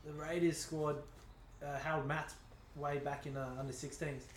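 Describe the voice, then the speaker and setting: A man's voice: on the high side, flat delivery, normal speed, slight background noise. Laid-back young Australian guy, echoey. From Snowy Mountains, Australia. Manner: laid-back, easygoing, says mate and man a lot. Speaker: guest, rugby league player. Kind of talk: casual interview chat.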